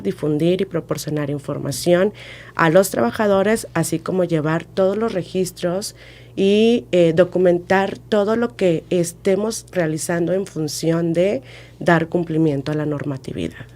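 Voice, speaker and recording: Female guest consultant, low voice, methodical step-by-step explanations. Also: a little slow, a little mellow. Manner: methodical, lists steps. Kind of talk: explanatory podcast talk.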